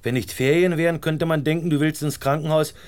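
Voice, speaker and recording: A man's voice: on the high side, steady tone, a little fast, darkish tone, clear, resonant tone, lightly acted. An actor playing a deferential male hospital orderly in a children's audio drama. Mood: dutiful.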